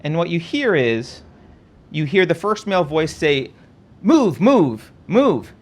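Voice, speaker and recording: A man's voice: fairly high pitch, animated, unhurried. Man narrating footage in casual commentary. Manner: conversational, pointing things out on screen, frequent restarts. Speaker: political talk show host. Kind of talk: casual commentary walking through video footage.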